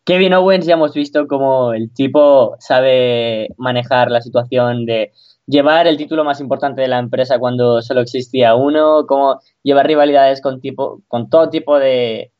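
A man co-hosts a casual podcast in a relaxed, opinionated way, swearing casually. His voice comes through a slightly dull, lo-fi recording. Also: medium pitch, normal speed. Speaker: podcast co-host. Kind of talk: casual wrestling podcast chat.

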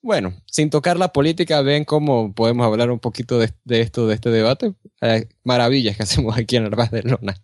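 A man's voice: mid-range voice, brisk, few pauses, a little mellow, no room sound, studio quality. Chatty man co-hosting a podcast. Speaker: podcast co-host. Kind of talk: casual wrestling podcast chat.

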